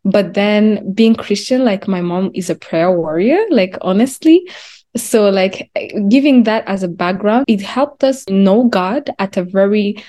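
A young woman from Rwanda, a podcast guest sharing her faith story in a soft, reflective way. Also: mid-range voice, a little slow. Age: young adult. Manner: soft-spoken, reflective, uses "like" and "you know". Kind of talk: interview testimony.

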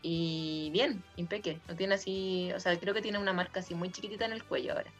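A woman with a Chilean accent, chatting casually and telling animated, slang-heavy stories. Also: lowish voice, brisk. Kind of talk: casual chat. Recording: dull lo-fi audio with faint music.

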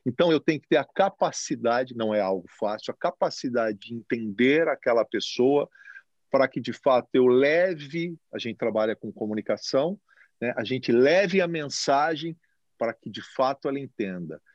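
A man who manages a TV station, answering interview questions in a reflective, expressive way and gesturing as he talks, recorded in a TV recording studio. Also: medium pitch, normal speed, no echo, dull audio. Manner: expressive, speaks with his hands.

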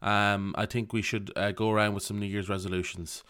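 A man's voice: lowish voice, little pitch movement, brisk, a bit bright, clear, resonant tone. An Irish man hosting a podcast in casual chat, with joking, teasing banter. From County Cavan, Ireland. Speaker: podcast host.

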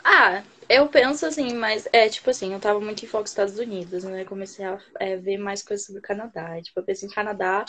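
A woman's voice: mid-range voice, quick pace, few pauses, sharp tone. A Brazilian woman talks casually about learning English. She is talkative in her own language. She hesitates and repeats herself when she tries English words. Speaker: student. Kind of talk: casual chat.

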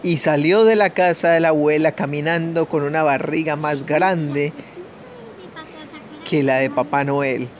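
A man's voice: on the high side, steady tone, slight background noise. Man telling a fairy tale to children. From Colombia. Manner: gentle, measured storytelling with small restarts. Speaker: family storyteller.

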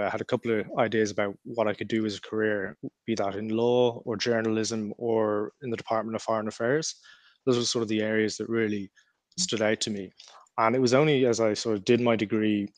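A young man answering as an interview guest in a measured, reflective way. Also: fairly low pitch, no echo. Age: young adult. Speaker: podcast guest, law firm associate.

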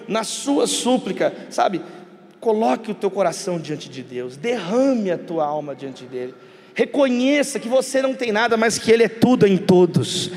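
High-voiced preaching man, echoing hall. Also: gravelly. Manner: preaching with sudden shouted outbursts and humor. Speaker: pastor. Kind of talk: sermon.

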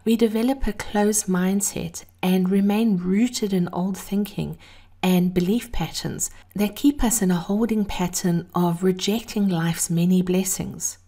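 A woman speaking intimately in a breathy voice, at times near a whisper, as host of a motivational monologue. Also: medium pitch, steady tone, a little slow, mellow. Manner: intimate, addressing listeners as darling. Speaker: host of a daily encouragement series.

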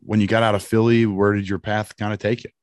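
A man with a low voice hosts a podcast, talking fast and heartily. The recording is dry and close. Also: flat delivery, darkish tone, no room sound. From Bucks County, Pennsylvania. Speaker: podcast host. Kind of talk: casual interview chat.

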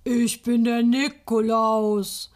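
A woman reading a storybook aloud, voicing a cheeky little boy who plays Saint Nicholas in a gruff, bossy, loud pretend-grown-up tone. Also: fairly high pitch, little pitch movement, takes it slowly.

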